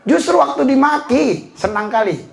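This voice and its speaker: A man preaching a sermon as pastor, lively and full of laughter and shouted exclamations. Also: very high voice, normal speed, vocal fry.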